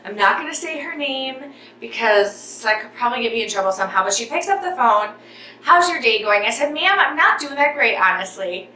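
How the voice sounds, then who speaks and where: A young woman with a bright, forceful voice recounts a customer service ordeal for her vlog, worked up and gesturing as she talks. She is a little back from the mic in an echoey room at home, so her voice rings off the walls. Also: on the high side, expressive, brisk, far from the mic, slight background noise. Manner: talks with her hands, getting worked up and out of breath. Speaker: vlogger. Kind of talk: animated storytime vlog.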